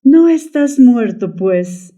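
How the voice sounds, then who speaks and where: A woman's voice: medium pitch, expressive, a little slow, mellow, lightly acted. A woman voicing a desperate young wife who pleads emotionally for understanding. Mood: stunned.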